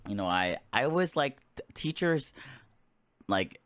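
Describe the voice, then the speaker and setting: A man's voice: medium pitch, sing-song, unhurried, a bit bright, smooth, no echo. A man in his late twenties hosting a solo podcast, talking casually in a rambling way with lots of fillers and restarts. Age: late 20s. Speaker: podcast host.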